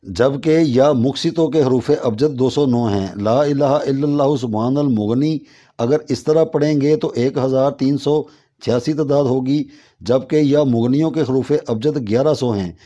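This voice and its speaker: A man reading instructional narration aloud, steady and measured, working through long lists of numbers. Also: medium pitch, dull audio. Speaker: teacher of devotional recitation methods.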